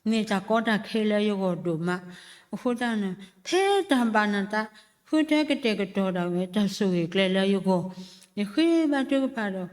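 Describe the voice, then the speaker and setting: A woman giving a spoken testimony at church, halting and full of fillers and repeated syllables. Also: mid-range voice, lively intonation. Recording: long reverb of a church hall.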